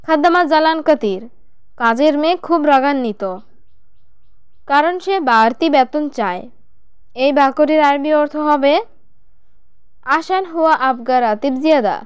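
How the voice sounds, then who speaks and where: A woman teaching language in an even, measured way, going through short phrases one at a time in a scripted lesson. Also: sits high, no echo.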